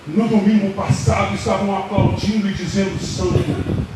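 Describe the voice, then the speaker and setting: A man preaching with a Brazilian Portuguese accent, retelling a story dramatically with sudden shouted peaks at a church service. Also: sits high, lively intonation, a little slow. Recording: echoey hall, distant mic, noisy.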